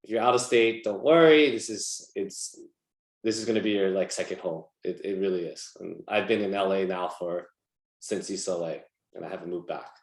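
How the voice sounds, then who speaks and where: A man's voice: sits low, moderate pace, vocal fry. A young man from Hawaii speaking casually on an alumni panel, rambling a little and repeating words. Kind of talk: casual panel talk on a video call. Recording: echoey room.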